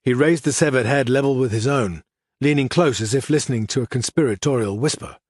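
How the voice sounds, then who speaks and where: Man, audiobook narrator, measured scripted narration, dry close sound. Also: mid-range voice, breathy edge, no echo.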